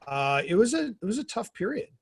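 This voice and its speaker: A middle-aged man, a guest in an interview, telling energetic stories and acting out the dialogue in them. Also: high voice, a little fast, creaky, slightly rough. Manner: energetic storyteller who acts out quoted dialogue. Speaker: guest, former Navy SEAL and author. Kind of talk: casual interview storytelling.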